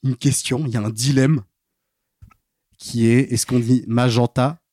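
This podcast guest, a man in his twenties, tells stories casually, full of fillers, hesitations and restarts. His medium-pitched voice is steady, husky and dark, a little slow, captured as clean studio sound with no echo.

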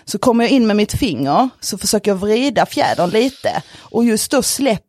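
A woman telling a story in a casual podcast chat, animated, with lots of fillers and the odd swear word. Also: medium pitch, no room sound.

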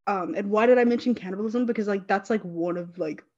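A woman's voice: mid-range voice, fast talker, a little mellow. A woman chatting casually as a podcast co-host, rambling and giggling, with lots of fillers. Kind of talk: casual chat. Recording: dull lo-fi sound.

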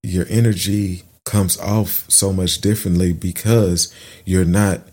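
A middle-aged man hosting a podcast, reflecting earnestly in a thoughtful, halting way, with fillers and restarts. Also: low-pitched, steady tone, mellow. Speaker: podcast host. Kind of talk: reflective personal monologue.

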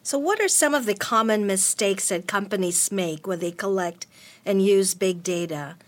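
A woman moderating a panel discussion, asking measured, clear questions. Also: medium pitch, lively intonation.

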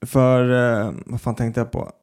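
A man's voice: mid-range voice, level tone, darkish tone. A young man from Sweden co-hosting a podcast, telling parenting stories in casual chat, swearing and laughing often. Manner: swearing, laughing, rambling storyteller. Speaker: podcast co-host.

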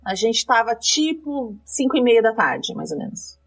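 A woman's voice: a little high, normal speed, creaky, recorded from a distance, faint music behind. A woman, telling a dramatic story from her rideshare driving in casual chat. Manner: lively, dramatic retelling with quoted dialogue.

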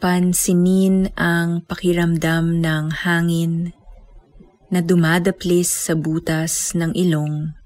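A woman with a Filipino accent leading a guided meditation as a teacher, speaking in a calm, gentle way with unhurried pauses. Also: fairly low pitch.

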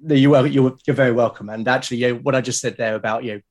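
Fast-talking and fairly even in intonation, this medium-pitched British guest keeps the podcast interview casual. He sounds earnest and encouraging throughout.

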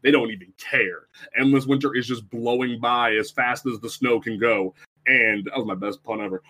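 Casting note: male podcast co-host, mid-pitched, loose and rambly, full of "like" and restarts. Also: normal speed. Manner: rambling, many fillers and restarts, animated asides. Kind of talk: casual chat.

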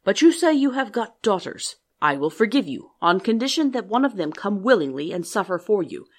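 A woman voicing a fearsome, proud male beast in a storybook reading, speaking loudly and sternly. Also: medium pitch, big pitch swings, brisk. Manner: loud, stern and commanding.

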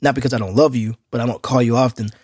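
A man's voice: mid-range voice, fairly even intonation, very fast, a little mellow, husky, dry recording, studio quality. A man co-hosting a podcast in casual chat, talking in loose street slang with an outgoing manner. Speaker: podcast co-host.

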